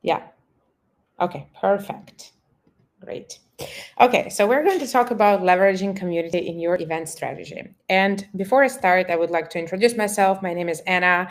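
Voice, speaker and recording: Woman, lowish voice, earnest webinar talk, many fillers. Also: moderate pace. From Russia. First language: Russian. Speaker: events marketer presenting. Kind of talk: webinar presentation.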